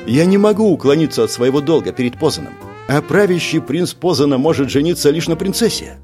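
A man's voice: a little high, lively intonation, fairly quick, a little mellow, faint music behind, voice pushed up, natural voice. A man voicing an earnest, anxious young prince who pleads and confesses. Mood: pleading.

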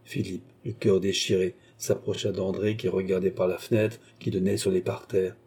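Dark, husky male narrator. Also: deep voice, flat delivery, moderate pace. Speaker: audiobook narrator. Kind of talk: scripted narration of a classic novel.

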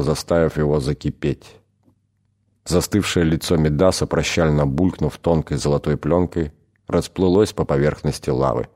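A male audiobook narrator with a very low, dark and mellow voice. He reads the text in a measured, dramatic way, letting each scene unfold steadily. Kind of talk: scripted narration.

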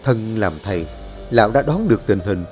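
Expressive male horror storyteller. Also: fairly low pitch, moderate pace, faint music behind.

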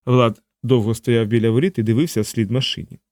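Male audiobook narrator, mellow dark voice, dry close recording, steady read. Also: mid-range voice, a little fast, dry recording. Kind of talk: scripted narration.

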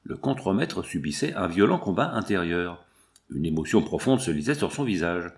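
Low-voiced male audiobook narrator. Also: very animated, moderate pace. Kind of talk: scripted narration.

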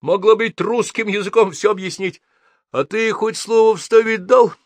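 A man voicing a seasoned police colonel who speaks calmly and firmly with a dry irony. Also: lowish voice, brisk, dry recording. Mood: ironic. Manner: calm, firm, dryly ironic. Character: seasoned police colonel, calm, dryly ironic.

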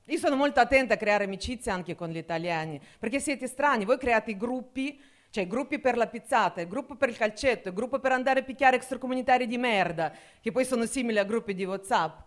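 Deadpan Russian-accented woman comic. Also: fairly high pitch, quick pace. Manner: deadpan, ironic, with slight grammar slips. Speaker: stand-up comedian. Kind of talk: stand-up comedy set.

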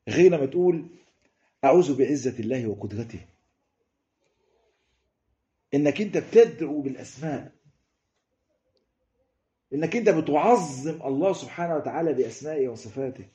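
A man's voice: fairly high pitch, lively intonation, a little fast, pauses often, mellow. A man with an Egyptian Arabic accent preaching a sermon fervently, building into emphatic repetitions. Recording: roomy, dull lo-fi sound.

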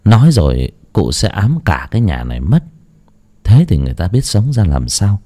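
A man narrating a horror story in a dramatic, drawn-out way. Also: low voice, very animated, warm tone.

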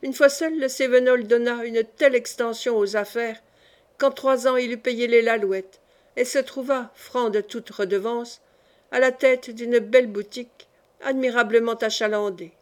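A woman narrating a classic novel as an audiobook in a measured, even way. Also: fairly high pitch. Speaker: audiobook reader.

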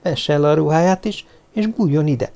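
A man's voice: fairly high pitch, gravelly, dark tone, pitched above the performer's own voice. A man voicing a seductive middle-aged woman who whispers and teases. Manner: whispering, teasing.

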